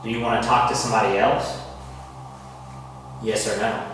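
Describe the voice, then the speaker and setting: A man works as a ghost hunter, putting blunt, casual questions to spirits. His medium-pitched voice rings through a very echoey jail from some distance, with music underneath. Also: level tone, normal speed. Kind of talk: questioning spirits during an overnight investigation. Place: inside a historic jail, echoey rooms. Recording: very echoey hall, distant mic, music behind.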